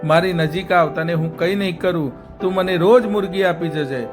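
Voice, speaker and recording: A man's voice: sits high, normal speed, music in the background, natural voice. A demanding talking lion, as a male storyteller puts him on. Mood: coaxing. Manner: gruff threats, blunt commands.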